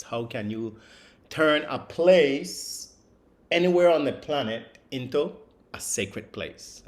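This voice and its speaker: Man, scripture teacher, slow pace, mid pitch, chuckles, asks the group questions. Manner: slow, laughs often, keeps asking the group questions. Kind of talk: group study class.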